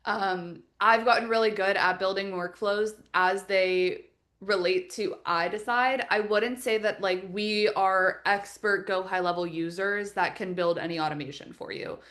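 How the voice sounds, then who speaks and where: Woman walking through a software tutorial. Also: mid-range voice, steady tone, unhurried. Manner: step-by-step instructional, friendly and practical. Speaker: software trainer for the company. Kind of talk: live webinar screen-share tutorial.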